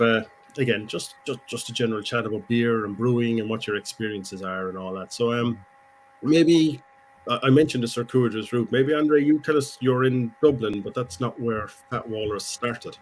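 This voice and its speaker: Male host, relaxed hesitant manner, casual chat over a call mic. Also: medium pitch, normal speed, a little hiss or hum.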